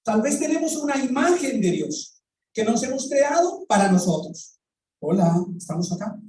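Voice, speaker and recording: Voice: sits high, big pitch swings, moderate pace, warm tone. Colombian preacher, echoey and distant. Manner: storytelling, acts out quoted dialogue, asks the congregation rhetorical questions. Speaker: pastor. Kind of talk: sermon. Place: church hall. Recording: echoey room, voice from off the mic.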